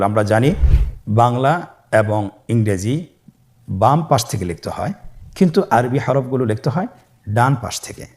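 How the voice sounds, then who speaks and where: A man's voice: mid-range voice, darkish tone. Male Quran teacher, patient call-and-repeat drills, faint music underneath. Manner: slow call-and-repeat drilling, drawn-out sung letter names. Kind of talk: step-by-step Arabic letter lesson.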